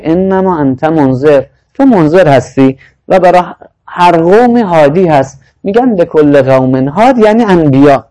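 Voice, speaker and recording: A man giving a sermon on Quranic verses, reciting the Arabic lines slowly and then explaining them in conversational speech. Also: fairly high pitch, darkish tone, poor audio. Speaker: Quranic lecturer.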